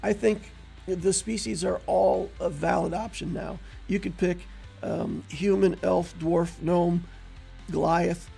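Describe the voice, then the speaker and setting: A man with a rather high voice and a heavy gravelly fry, sounding husky as he talks. He walks through a tabletop character build in a relaxed, chatty manner, pausing on fillers as he goes. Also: faint music behind. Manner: relaxed and conversational with frequent fillers. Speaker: tabletop game build creator. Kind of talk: casual explanatory walkthrough.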